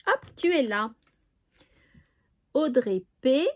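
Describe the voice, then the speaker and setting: A woman's voice: high voice, lively intonation, drawn-out words. A woman chatting cheerfully to viewers on her crafting channel, with little "hop" sounds as she sorts things. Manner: chatty, cheerful, says "hop" while sorting. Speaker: scrapbooking YouTuber. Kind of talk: casual vlog chat.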